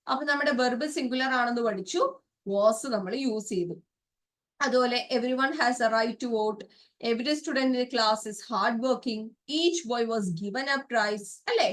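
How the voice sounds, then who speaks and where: High-voiced Malayali woman teaching grammar. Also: far from the mic. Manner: explains step by step, asks checking questions. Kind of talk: exam-prep grammar lesson.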